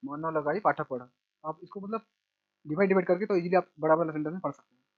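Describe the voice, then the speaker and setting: A man teaching children to read, sounding out each word slowly and repeating it, then adding quick explanations in between. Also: high-pitched, steady tone. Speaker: language teacher. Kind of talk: slow word-by-word reading lesson. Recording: tinny phone-like audio.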